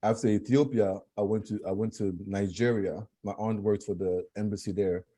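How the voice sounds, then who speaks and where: A man from Cameroon talks as a guest over a video call in a mellow, husky voice. He speaks earnestly, pressing his points and repeating words for emphasis. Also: fairly low pitch, fairly even intonation, moderate pace. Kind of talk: conversational talk.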